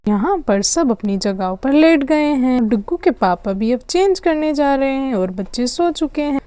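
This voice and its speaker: Woman narrating a doll story, high voice. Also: animated, normal speed, warm tone, clean tone, dry recording. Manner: friendly, addressing viewers. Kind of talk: casual narration and sign-off.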